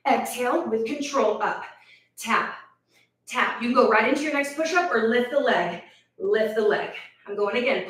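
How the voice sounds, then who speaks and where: Winded fitness instructor in echoey room. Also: female voice, on the high side, recorded from a distance. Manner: encouraging, counts reps aloud. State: out of breath. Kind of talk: live workout instruction.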